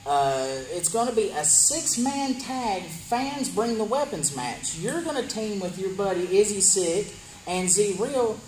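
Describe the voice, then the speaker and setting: Male wrestling promo interviewer, animated pitch, announcing match cards in an echoey space with music. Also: unhurried, slight background noise. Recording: echoey room with music behind.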